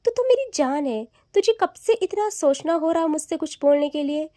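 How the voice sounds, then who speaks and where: A woman voicing a newly married young woman who scolds and teases her friend with quick, bossy retorts. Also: sits high, lively intonation, dark tone, no room sound, studio quality. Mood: bossy, teasing.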